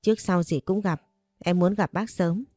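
A woman voicing a calm, resolute young woman who speaks quietly and with determination. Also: lowish voice, normal speed, no echo, studio quality, close to an everyday voice. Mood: determined.

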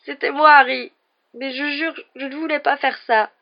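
A frightened young girl pours out her words in a high, tearful rush, as a woman reader puts her on. The voice sits well above the reader's own and sounds pleading and breathless. The recording is muffled and lo-fi. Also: fairly even intonation, moderate pace, vocal fry.

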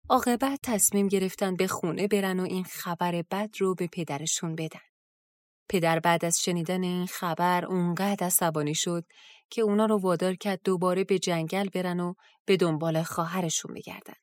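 Woman reading a fairy tale audiobook, calm and steady, dry close mic, lowish voice. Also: dry recording. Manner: calm, even storytelling in colloquial Persian. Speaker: audiobook narrator. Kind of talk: storybook narration.

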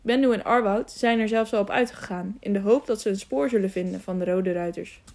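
A woman's voice: medium pitch, a little fast, creaky, a little mellow, close to an everyday voice. A woman reading the part of a serious older male knight who speaks earnestly and measuredly in an audiobook. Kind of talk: audiobook character voice.

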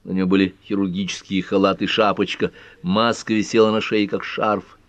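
A man narrating an audiobook in a measured storytelling manner, acting out each figure. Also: low-pitched, flat delivery, no echo. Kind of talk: scripted narration. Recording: dry, slightly dull lo-fi audio.

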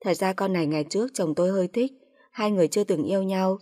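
A woman narrating a first-person story with a steady, even-paced reading. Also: medium pitch, fast.

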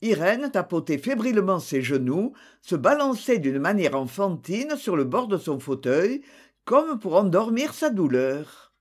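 A narrator giving a slow, expressive reading of a literary novel. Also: medium pitch, slightly rough. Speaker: audiobook narrator.

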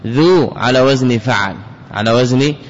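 A man's voice: medium pitch, normal speed, a little hiss or hum. Male grammar teacher, lecture style, repeats each word, quizzes students, long reverb, muffled lo-fi sound. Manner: repeats and drills key words, poses questions to students. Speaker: Islamic scholar teaching Arabic grammar. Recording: dull lo-fi recording with long hall reverb.

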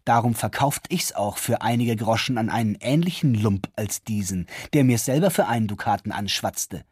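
A man voicing a scornful young courtesan who scolds and mocks, with a husky voice in a fairy-tale reading. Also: lively intonation, normal speed, a little mellow, no room sound, clean studio sound. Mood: scolding. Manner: shrill, scolding.

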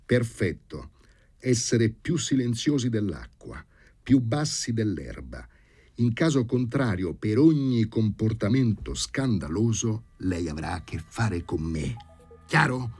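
A steely young doctor who issues slow, clipped threats in an iron-firm voice, played by a male narrator. His husky tone carries cold control in this read-aloud novel. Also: fairly low pitch, very animated, warm tone, voice pushed up, full character voice. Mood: icy menace.

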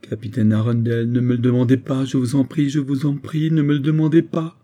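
A man's voice: mid-range voice, fairly even intonation, fairly quick, warm tone, close to an everyday voice. A man reading an audiobook voices a tender carpenter's wife who pleads tearfully and speaks deferentially, calling her listener "sir". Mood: distressed. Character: tender, tearful carpenter's wife, middle-aged servant woman.

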